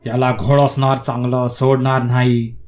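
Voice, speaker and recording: A man voicing a stubborn, sulky male ghost in a storybook, refusing slowly and flatly. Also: mid-range voice, faint music behind, close to an everyday voice. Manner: slow, flat, obstinate refusals.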